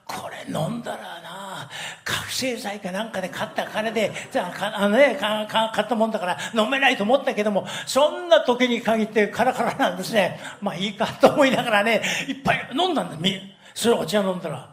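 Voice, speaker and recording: An older man preaching a sermon as a pastor, telling stories in an animated way and often laughing. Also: high-pitched, a little fast, hardly any pauses.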